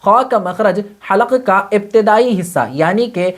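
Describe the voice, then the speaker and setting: A man teaching Quran reading with tajweed, explaining patiently step by step and mixing English words into his talk. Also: high voice. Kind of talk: tajweed lesson.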